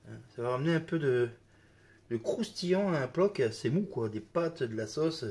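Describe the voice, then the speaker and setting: This cooking-video host has a medium-pitched, darkish voice and an animated delivery at a moderate pace, though he's got a bit of a cold. He talks casually while working, sprinkling in interjections like "hop" and "hein," as dishes and utensils clatter around him.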